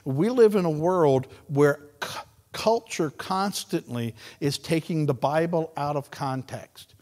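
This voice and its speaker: A man's voice: on the high side, takes it slowly, a little mellow. A man preaching a sermon as pastor, in a conversational, folksy way with some repetitions. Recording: long reverb of a large hall.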